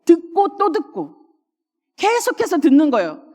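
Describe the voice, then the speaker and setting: Woman pastor preaching, high voice, playacts people's thoughts, big echoey church. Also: measured pace. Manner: animated, acts out listeners' inner thoughts, laughs often. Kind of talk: sermon. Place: church sanctuary. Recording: long church reverb.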